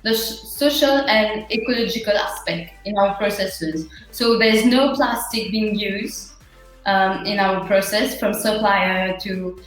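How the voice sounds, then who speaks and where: A woman with a Mauritian accent talks slowly and haltingly, as a guest in an interview. She sounds earnest and conversational. The room rings with heavy echo, and faint music sits behind her voice. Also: medium pitch. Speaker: interview guest, small business owner.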